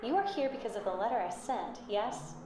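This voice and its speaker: A woman voicing an ailing, stern and motherly matriarch in a video game, warm and solemn through a static-laced speaker. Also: fairly high pitch, lively intonation, fairly quick, music in the background. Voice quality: warm, tender. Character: ailing motherly mushroom matriarch, tender but commanding. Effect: crackling intercom speaker static. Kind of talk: dramatic video game voice acting. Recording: echoing, staticky intercom sound.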